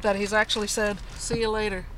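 A woman's voice: mid-range voice, level tone, brisk. A woman from Nashville, a taxi driver chatting casually with a rider in her cab and laughing easily. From Nashville, Tennessee. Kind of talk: casual chat during a ride. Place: inside a taxi at night. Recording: car interior with faint street noise.

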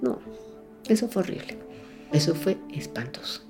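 A woman's voice: on the low side, big pitch swings, normal speed, gravelly, a little mellow, soft background music. An older woman giving emotional testimony, her voice tense and breaking as she acts out what was said. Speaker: interviewee, widow recounting.

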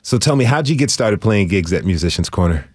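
A man's voice: lowish voice, lively intonation, a little fast, darkish tone, breathy edge, no room sound. A man hosting a public radio interview, asking easygoing and encouraging questions into a studio microphone. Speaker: radio show host.

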